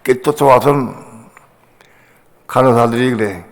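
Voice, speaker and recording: An older man, a pastor, telling a personal story in a sermon, acting out other voices with sudden loud bursts. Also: medium pitch, a little slow. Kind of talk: sermon testimony. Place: church sanctuary. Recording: long hall reverb.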